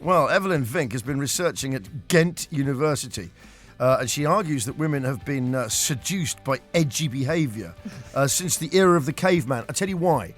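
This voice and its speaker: A man's voice: medium pitch, lively intonation, brisk, few pauses, faint music behind. A man hosting a radio show, joking and laughing in casual banter. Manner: jokey, playful, laughs a lot.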